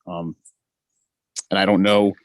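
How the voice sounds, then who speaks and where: A man's voice: sits low, flat delivery, slow pace, no room sound. A man in his forties calling in over a video call, chatting casually, hesitant and often stammering and repeating himself. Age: 40s. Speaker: caller. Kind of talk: casual chat.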